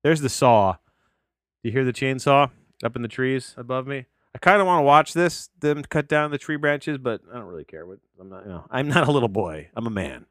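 A man in his late thirties, a podcast host, talks fairly quickly in a medium-pitched, fairly bright voice with clean studio sound and no echo. Recording at home with headphones on while a tree crew works outside, he reviews a documentary casually, rambling, restarting sentences, interrupting himself, and swearing often.

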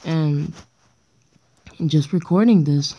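Recorded dry on a handheld dictaphone, this casual solo podcast features a sixth-grade-age girl who is sick with a stuffy nose. She rambles hesitantly and self-deprecatingly, slowly, in a deep, warm female voice, sitting on her bedroom floor late at night.

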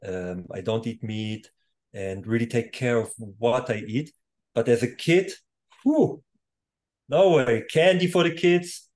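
A man's voice: medium pitch, slow pace, darkish tone. A man in his thirties, born in Poland and raised in Germany, speaking English as a second language with German as his first, chatting as an interview guest who laughs easily and restarts his sentences. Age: 30s. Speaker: guest, music producer. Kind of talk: casual interview.

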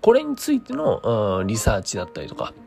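A man talks casually to his listeners as a stream host, with music playing behind him. His pitch moves around a lot as he slips between courteous announcer phrasing and informal asides. He hesitates and wanders as he works out his thoughts aloud. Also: wildly swooping pitch, fairly quick, gravelly, darkish tone. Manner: polite presenter phrasing mixed with chatty asides; thinks aloud, hesitant and meandering. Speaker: creator hosting his own daily talk stream. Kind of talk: casual solo monologue to listeners.

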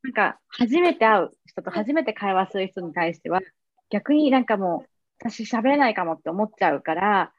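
A woman's voice: mid-range voice, expressive, normal speed, dry recording, highs cut off. A woman co-hosting a casual podcast chat, talking about herself in a self-deprecating way. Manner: self-deprecating, frequent back-channel nods. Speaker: podcast co-host.

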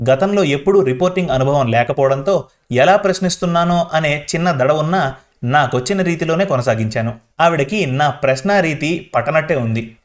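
Male narrator, mid pitch, measured heartfelt storytelling. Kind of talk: scripted narration of an emotional story.

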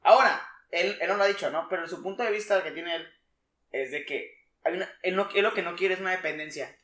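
A young man with a Mexican accent talks quickly and loosely, full of slang and swearing. His voice sits a little high. The recording carries a noticeable room echo. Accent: Mexican Spanish. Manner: slangy, swears freely, fast and animated. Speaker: podcast co-host. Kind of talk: casual chat.

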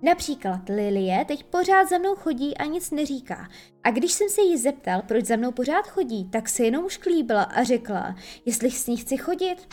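Woman doing a cocky storybook boy, high and jumpy, soft music behind. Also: big pitch swings. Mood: puzzled. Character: boastful boy leader Peter Pan.

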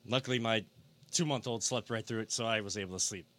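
A young man hosting a casual sports podcast, energetic and given to repeating himself. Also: fairly low pitch, fast. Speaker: podcast host.

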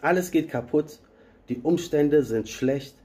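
Dark-voiced man preaching conversationally. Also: a little high, measured pace. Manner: retells a Bible story in plain, conversational German, addressing listeners directly; self-correcting, searching for words. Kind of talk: sermon.

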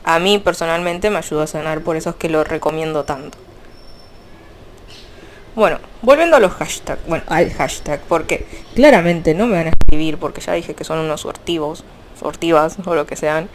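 A woman's voice: sits low, normal speed. Young argentine woman rambling about fanfic, lots of restarts, bit of hiss behind her. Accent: Argentine Spanish. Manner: chatty, rambling, frequent restarts and fillers. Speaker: fanfiction vlogger. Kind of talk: casual chat.

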